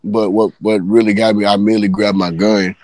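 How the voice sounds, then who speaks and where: A man from Texas, telling a work story in loose, profane, animated casual chat. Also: fairly low pitch, fast, dry recording.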